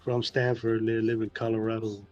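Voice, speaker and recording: A man's voice: lowish voice, little pitch movement, moderate pace, darkish tone, no room sound, highs cut off. A man co-hosting a sports podcast who teases the others, repeats himself and keeps saying "bro", over faint music. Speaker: podcast co-host. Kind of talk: casual sports chat.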